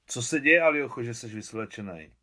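A man voicing a brisk, stern older village godmother who talks curtly and disapprovingly. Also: mid-range voice, animated, bright, forceful tone.

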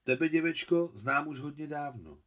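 A man reading an audiobook, voicing a humble, kindly old male hospital watchman who speaks gently and plainly. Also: fairly high pitch, animated, voice pushed up.

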